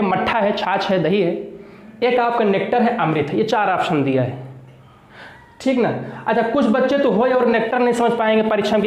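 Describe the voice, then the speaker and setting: Male teacher, high-pitched voice, exam-prep lecture, asks and answers his own questions, echoey room. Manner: addresses students as children.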